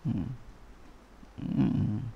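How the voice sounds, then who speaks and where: A middle-aged man, teaching a sermon from a classical Islamic text and translating Arabic phrases slowly into casual speech. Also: lo-fi sound. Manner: reads Arabic phrases then translates them slowly, with casual Jakarta slang asides. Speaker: religious teacher.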